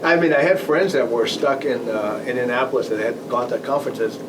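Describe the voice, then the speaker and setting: A man at medium pitch, once an air traffic control manager, speaks haltingly as a guest at a club meeting, rephrasing and repeating words often. His informal presentation includes audience questions, and he is picked up from far off in a noisy room.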